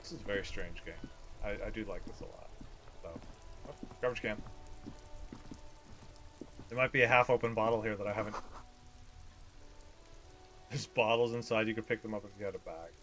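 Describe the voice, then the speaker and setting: A man's voice: lowish voice, moderate pace, pauses often, a bit bright, soft background music. A man giving casual gameplay commentary, muttering to himself and reading game text aloud. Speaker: gameplay streamer.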